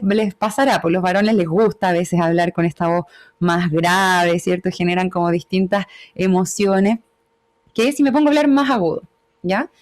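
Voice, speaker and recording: A woman's voice: fairly high pitch, a little mellow. A woman gives an online lecture on communication over a video call. She explains patiently and often checks in with short tag questions. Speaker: webinar speaker.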